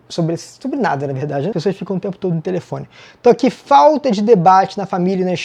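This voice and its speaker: A man's voice: sits high, dark tone. Joking Brazilian man teaching an essay lesson. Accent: Brazilian Portuguese. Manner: brisk, joking, self-mocking; talks straight to students, casual slang. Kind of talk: online video lesson.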